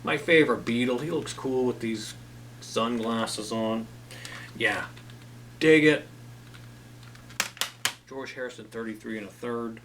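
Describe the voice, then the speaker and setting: A man's voice: mid-range voice, slow, pauses often, distant mic, noisy background. A man hosting a casual talk about old albums, enthusiastic and rambling with lots of fillers. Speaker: host.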